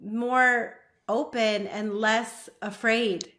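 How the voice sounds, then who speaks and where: A woman's voice: fairly high pitch, fairly even intonation, extremely slow, a bit bright. A woman actor talking as a podcast guest in a casual, gushing way, laughing easily. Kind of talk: casual chat.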